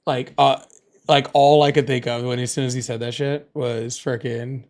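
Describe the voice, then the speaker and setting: A man's voice: medium pitch, flat delivery, moderate pace. A man hosting a live call-in stream, talking casually and challenging callers on their exact wording. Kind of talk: casual live political debate.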